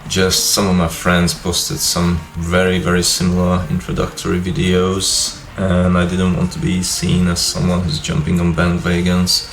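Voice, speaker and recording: A man in his fifties, originally from Hungary, hosting his own vlog and telling his life story in a relaxed, rambling way. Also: deep voice, normal speed, gravelly, few pauses, a little hiss or hum. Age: 50s. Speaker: YouTube channel host. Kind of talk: casual personal vlog talk. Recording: echoey room with music behind.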